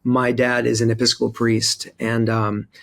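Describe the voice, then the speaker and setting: A man in his forties from Israel/Palestine, a priest speaking thoughtfully in an interview with frequent pauses and fillers. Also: medium pitch, completely flat delivery, vocal fry. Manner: thoughtful, hesitant with many fillers. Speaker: Episcopal priest, guest. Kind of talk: interview conversation.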